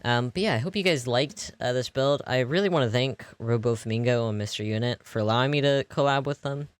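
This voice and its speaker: A young man casually narrating a walkthrough of his game build, relaxed and rambling with lots of fillers. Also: medium pitch, fairly quick, clean tone. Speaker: video creator.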